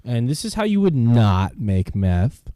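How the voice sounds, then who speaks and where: A young man co-hosting a casual podcast, goofy and playful, quick to joke and laugh. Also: mid-range voice, sing-song, mellow, no room sound. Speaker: co-host.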